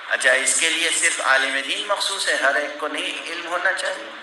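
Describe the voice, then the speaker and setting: A man preaching a sermon to a gathering, explaining points emphatically and breaking into scolding outbursts. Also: on the high side. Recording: echoey hall from far off with noise.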